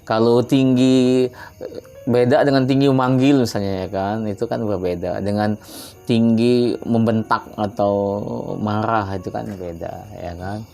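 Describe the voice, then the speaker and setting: A man from Palembang giving religious advice in a relaxed conversational way, often tagging his points with questions. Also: lowish voice, a little slow, soft background music. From Palembang, South Sumatra. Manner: relaxed and chatty, often adds "ya kan" tag questions. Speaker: Islamic religious teacher.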